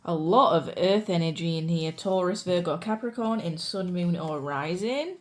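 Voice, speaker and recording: Speaking at a moderate pace in a voice on the low side, a young British tarot reader with a sore throat, her voice sometimes cracking, walks through a pick-a-card reading. She's chatty and reassuring and leans heavily on "you know" and "guys."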